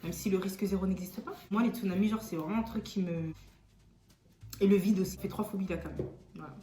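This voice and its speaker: A woman's voice: mid-range voice, fast, warm tone. Laid-back young woman in an echoey room. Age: 20s. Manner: laid-back, laughing, slangy. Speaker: co-host. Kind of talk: casual chat. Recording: echoey room with faint music.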